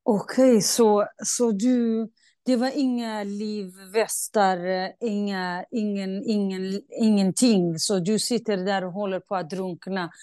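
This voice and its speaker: A woman's voice: medium pitch, steady tone, warm tone, dry recording, clean studio sound. A woman interviewing a guest, asking emotional, empathetic questions with frequent restarts. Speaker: host. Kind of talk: conversational interview.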